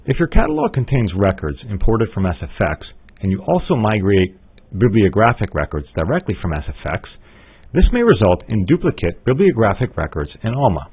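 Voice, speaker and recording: A software trainer with a fairly low, slightly rough voice narrates a tutorial, heard through muffled, narrow-band audio like a phone line. His delivery is methodical, scripted and instructional, a little fast, and his sing-song intonation rises and falls a lot as he explains each step.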